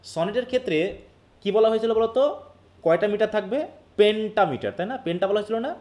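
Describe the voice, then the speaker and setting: A man's voice: sits high, quick pace, darkish tone. A man from Bangladesh teaching English literature in a live online class. He explains step by step, mixes English terms into his speech and keeps quizzing his students.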